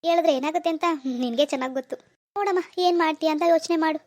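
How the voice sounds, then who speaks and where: A pushy young cartoon stalker, put on by the narrator, with a very high, fast voice that turns syrupy and then menacing. It is close and dry, with no room in it. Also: darkish tone, no echo, close to an everyday voice. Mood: threatening. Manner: menacing and syrupy, calls her baby. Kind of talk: Kannada cartoon voice acting.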